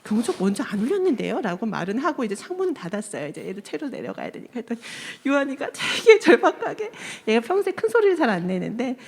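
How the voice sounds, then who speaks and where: A woman in her thirties tells her testimony to a church congregation, with a fairly high voice. She slips into the voices of the people in her story and laughs often as she goes. Her voice rings with the long reverb of a large church hall. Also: sing-song, fast talker, vocal fry, few pauses, breathy edge. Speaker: church member giving testimony. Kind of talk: personal testimony told to a congregation. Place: church sanctuary.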